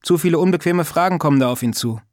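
A man's voice: a little high, fast talker, no room sound, clean studio sound, pitched above the performer's own voice, natural voice. A man voicing a pushy old woman neighbor. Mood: insistent. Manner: chatty, insistent, mock-polite. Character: old female neighbor, talkative, gloomy, teasing. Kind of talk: audiobook character voice.

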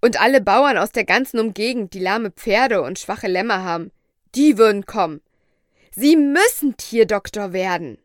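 A woman's voice: mid-range voice, lively intonation, normal speed, no room sound, studio quality, natural voice. A woman voicing a plain-spoken working man in a storybook reading, arguing persuasively.

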